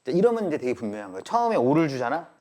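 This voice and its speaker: Animated male math teacher lecturing. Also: medium pitch, rapid-fire. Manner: animated, checks in constantly with students. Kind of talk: live classroom lecture. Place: classroom.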